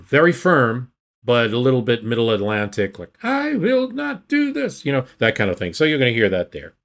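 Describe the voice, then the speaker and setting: Guy walking through history on a podcast, lowish voice, casual explaining. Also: fairly bright tone. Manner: explanatory, storytelling, some restarts. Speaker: history podcast host or guest.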